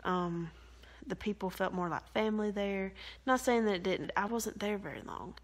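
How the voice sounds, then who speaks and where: In poor-quality audio, a vlogger chats away in her kitchen at a normal speed, her voice sitting in the mid range. She's young, talkative, and rambling, often laughing and making fun of herself.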